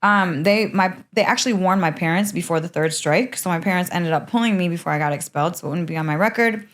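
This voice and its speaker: A woman's voice: lowish voice, fast. A woman from Michigan, a podcast guest telling her life story frankly in a chatty way, with lots of "like". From Michigan, USA. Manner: frank, chatty, heavy use of "like". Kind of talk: candid interview storytelling.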